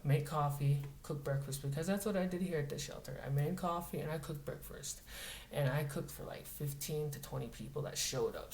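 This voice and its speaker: A man's voice: on the high side, a little mellow. A man tells a story in a blunt, profane and emphatic way, in a casual monologue. The room is echoey and a faint noise sits behind him. He sounds like a man from Montana speaking in his plain voice. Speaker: vlogger.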